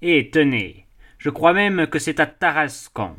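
A man's voice: a little high, big pitch swings, a little slow, bright, forceful tone, heavily acted. A man voicing a jovial, mocking middle-aged sea captain who teases and laughs as he talks. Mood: mocking amused.

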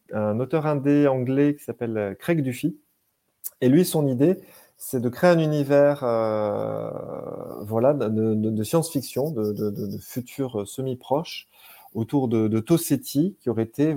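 In a relaxed chat, a male game designer and translator talks about games with plain enthusiasm. His voice is warm and mellow at an ordinary middle pitch, and he stumbles, repeats words, and restarts sentences as he goes.

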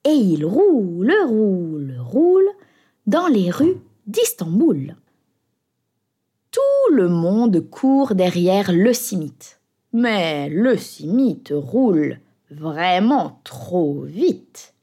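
Slow, lively woman telling a children's story. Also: mid-range voice. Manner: clear, deliberate, playful sound effects.

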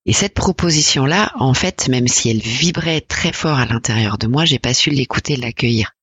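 A woman in her forties from France, a podcast guest talking reflectively and hesitantly about her life, with many pauses and fillers. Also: rumbling low, expressive, fairly bright tone, husky, dry recording. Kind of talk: personal interview conversation.

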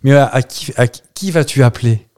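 A man's voice: medium pitch, a little fast, a little mellow. A man co-hosting a casual home podcast, playful and teasing, laughing often as he quizzes his co-host. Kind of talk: casual chat.

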